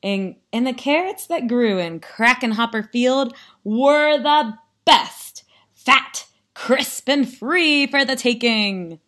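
A woman reading a picture book aloud, telling it dramatically with hushed, spooky drops. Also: a little high, slow pace. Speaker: story reader.

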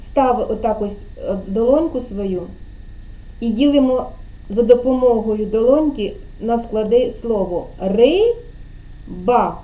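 A woman's voice: a little high, unhurried, dark tone. A woman kindergarten teacher giving an online speech lesson to a child over a video call, patiently drawing out syllables and prompting.

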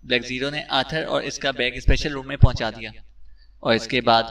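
A man narrating a spy novel audiobook in a steady, even storytelling voice. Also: medium pitch, distant mic, low-quality recording.

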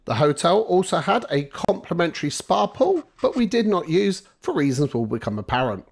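A middle-aged man narrating a travel vlog voice-over, measured and guide-like, giving practical tips. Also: on the high side, very animated, creaky, breathy edge. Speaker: travel vlogger.

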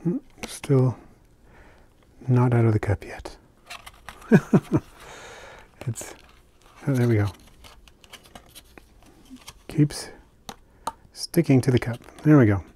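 An older man casually narrating a hobby vlog as he unpacks and shows his isopod purchases, talking in a relaxed, chatty way with fillers and soft asides. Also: mid-range voice, slow pace, long pauses, slight background noise. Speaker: isopod keeper unboxing purchases. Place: indoors at a table, hands on camera.

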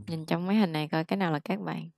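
A woman tutoring a student one-on-one, patiently coaxing answers and repeating phrases slowly. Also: lowish voice, fairly even intonation, vocal fry, darkish tone, no room sound, studio quality. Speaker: English tutor. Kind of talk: one-on-one language lesson.

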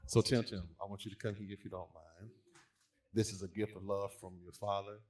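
A pastor hosts a church brunch presentation, warmly encouraging families to come up and share gifts of love. His voice is on the low side, steady in tone, and a little fast.

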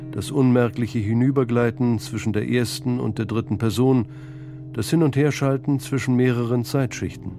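In a medium-pitched voice, a man reads scripted documentary narration for a radio feature, keeping his delivery measured, sober and literate.

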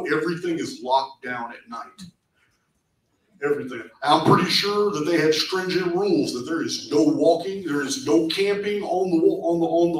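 A middle-aged man lectures a small group in a meeting room, his voice a touch high. He talks with animation and keeps restarting phrases. The camera sits far back, so he sounds echoey and distant, with a faint hum. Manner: animated, repeats words, many restarts. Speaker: presenter at a meetup. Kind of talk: casual lecture to a small audience. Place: meeting room with projector screen.

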